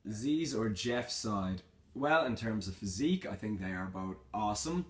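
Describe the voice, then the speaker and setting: This fitness vlogger, a young man, runs through viewer questions in a laid-back Q&A vlog, answering in a slangy, matter-of-fact style. His lowish voice has lively intonation and a normal pace.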